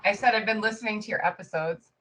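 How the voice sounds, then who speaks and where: A woman's voice: medium pitch, fast, a bit bright, soft background music, low-quality recording. A woman with a Chicago accent, chatting upbeat as a guest on a casual podcast. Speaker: guest, business co-owner.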